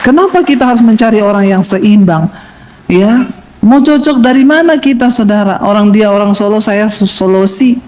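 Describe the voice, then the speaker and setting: A middle-aged woman pastor from Sulawesi preaching a sermon, lively and humorous, teasing the congregation and swinging between high exclamations and low asides. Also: normal speed.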